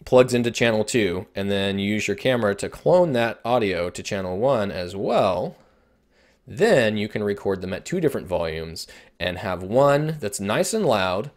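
A man explaining audio recording techniques in a conversational lesson, with frequent fillers and restarts. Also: lowish voice. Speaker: instructor. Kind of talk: video production lesson.

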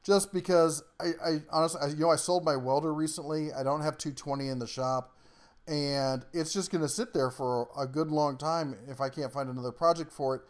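Male tool-channel host, slightly high voice, rambling down-home delivery, easy chuckles. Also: fairly even intonation, a little fast. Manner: folksy, rambling, chuckles often; down-to-earth workshop slang. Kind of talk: casual product rundown.

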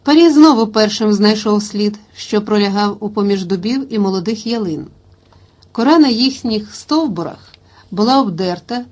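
A woman reading a historical novel aloud as an audiobook narrator, in steady, even storytelling. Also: fairly high pitch.

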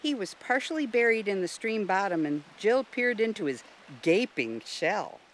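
A woman volunteer reading a children's storybook aloud in a gentle, expressive way. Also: mid-range voice, normal speed, slight background noise, low-quality recording. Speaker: volunteer narrator.

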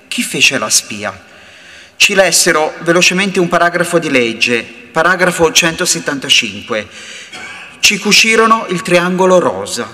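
A man giving an impassioned first-person dramatic reading at a remembrance event, dropping to hushed low lines and rising into raised outbursts. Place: large university auditorium. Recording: reverberant hall sound.

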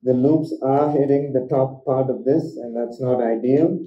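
A man's voice: mid-range voice, fairly even intonation, unhurried. A man, a dentist, talking through a face mask in a casual review, explaining step by step as he demonstrates. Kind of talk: casual product review vlog. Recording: roomy, dull lo-fi sound.

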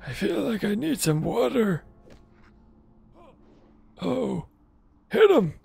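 A man voicing a crude, combative old madman adventurer in a gravelly, raspy voice, muttering and rambling in a game role-play. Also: high-pitched, animated, slow pace, a little mellow, faint music behind, exaggerated voice. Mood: gruff, eager.

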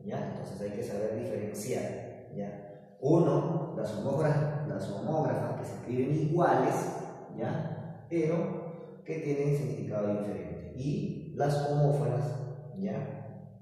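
A man's voice: medium pitch, slow, dark tone, recorded from a distance. Peruvian male teacher, patient and repetitive, recorded off-mic in a roomy space with heavy reverb. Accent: Peruvian Spanish. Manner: patient, repetitive, keeps asking "¿ya?". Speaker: primary school teacher. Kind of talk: recorded classroom lesson. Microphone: far from mic.

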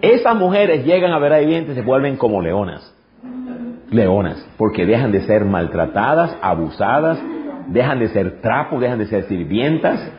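A man's voice: mid-range voice, big pitch swings, moderate pace, crowd noise. A male pastor preaching a sermon emphatically, repeating phrases and throwing rhetorical questions at the congregation. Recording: dull lo-fi recording.

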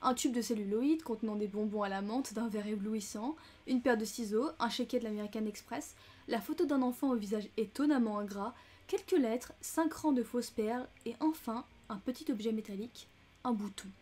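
A woman narrating an audiobook in an even reading voice, with casual asides. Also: fairly high pitch, normal speed. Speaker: audiobook reader.

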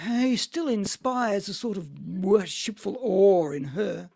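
Over a video call from home, a man reads the part of a bitter, envious, sardonic middle-aged man for an amateur stage play, picked up by the call's microphone. His delivery is heavily acted and slow, his voice high-pitched, gravelly, and a little mellow.

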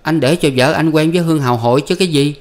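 A male audiobook reader voicing a cheeky young farmhand who needles a slow coworker. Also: a little high, pitched above the performer's own voice, close to an everyday voice. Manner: cheeky, prodding.

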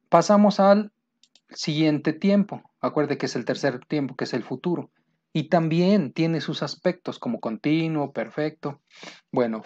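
A man's voice: mid-range voice, a little mellow, lo-fi sound. A man teaching an English grammar lesson, drilling examples over and over and asking his students rhetorical questions.

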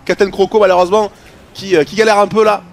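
A young man commentating a video game replay as a streamer, fast and slangy, dropping to mutters and then bursting into shouts. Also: sits high, flat delivery, faint music behind.

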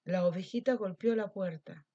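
A woman teacher narrating a children's story in a gentle, expressive way, then explaining a craft. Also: medium pitch, normal speed, highs cut off.

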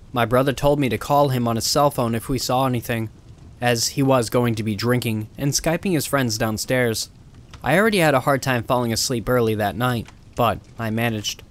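A man narrates a first-person horror tale in a steady, measured voice. His pitch sits in an ordinary middle range for a man.

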